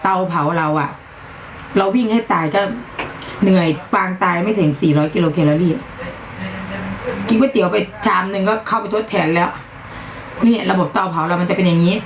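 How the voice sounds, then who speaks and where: A middle-aged woman from Northeast Thailand with an Isan accent, chatting bluntly through a live-stream sales pitch and scolding noise around her. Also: moderate pace, long pauses, roomy sound. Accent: Isan Thai. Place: upper floor of a home.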